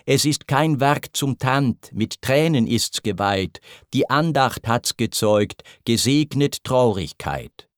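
A man voicing a proud titan brought low, speaking in anguished, pleading verse. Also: expressive, takes it slowly, hardly any pauses, dry recording, clean studio sound.

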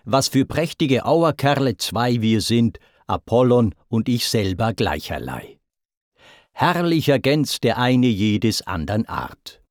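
In a dramatic verse reading, a blustering, boastful sea god , as a man puts him on declaims in a raised, strained voice, swooping widely up and down. He drawls his commands slowly and grandly, with a dry, close sound. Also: mid-range voice, very animated, dry recording. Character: boastful, blustering male sea god, proud and hot-tempered.

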